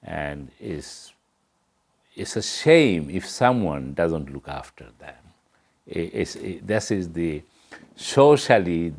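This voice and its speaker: A man's voice: deep voice, a little mellow. A middle-aged man from Bangladesh, speaking earnestly in as an interview guest. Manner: earnest, plain-spoken, non-native English grammar. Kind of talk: interview answers.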